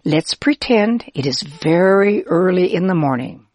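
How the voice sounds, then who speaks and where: A woman narrating a children's pretend Bible story, gentle and expressive, speaking as both herself and the listener. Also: on the low side, a little slow, no echo.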